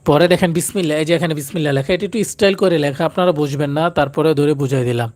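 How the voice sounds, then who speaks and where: A man's voice: on the high side, very fast, darkish tone, dry recording. A man teaching Quran recitation in a live stream, often pleading with viewers to like and share.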